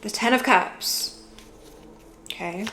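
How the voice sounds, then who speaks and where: A young woman giving a casual tarot reading, musing gently and filling her talk with "like" and "you know". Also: mid-range voice, takes it slowly, music in the background. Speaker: tarot reader.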